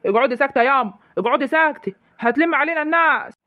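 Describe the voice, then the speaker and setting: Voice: high-pitched, racing, no room sound, lo-fi sound, close to an everyday voice. مؤدٍّ يلعب دور عريس ريفي مضروب بلهجة ريفية مصرية، يتذمر بسرعة شديدة في اسكتش كوميدي. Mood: complaining. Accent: rural Egyptian. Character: battered young rural husband. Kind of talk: comic village sketch.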